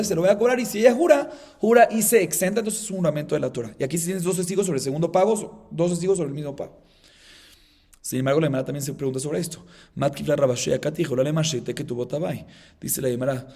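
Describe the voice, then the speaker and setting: Rabbi teaching Talmud, quick and fairly high-voiced, repeats and restarts phrases, poses questions and answers them. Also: male voice, warm tone. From Colombia. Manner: explains by acting out both sides of a dispute; repetitive, restarts phrases, asks and answers himself. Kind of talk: Talmud class lecture.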